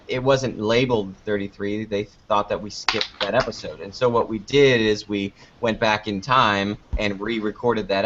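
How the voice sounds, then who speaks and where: A podcast creator appears as an interview guest, giving casual, rambling answers and often cutting himself off mid-sentence. His voice is on the low side and a bit bright. The audio is dull, lo-fi online call sound.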